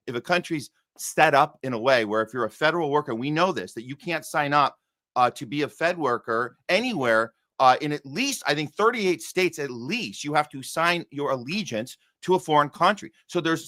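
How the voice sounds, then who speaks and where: A man's voice: mid-range voice, pushed and bright, no room sound. A man talking politics on a show, emphatic, firing off rhetorical questions between fillers. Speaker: podcast host, guest. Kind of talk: casual political talk.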